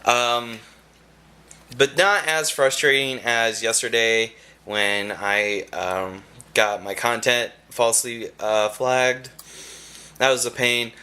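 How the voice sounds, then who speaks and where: Bright-voiced young man vlogging. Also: mid-range voice, clear, resonant tone. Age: young adult. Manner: rambling, full of fillers and restarts; chewing gum while talking. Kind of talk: casual vlog chat.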